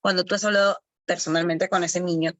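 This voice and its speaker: In an online lecture for early-education assistants, a woman with a fairly low, somewhat bright voice talks briskly with fairly even intonation. She explains along the way and often corrects herself, and there's no room sound.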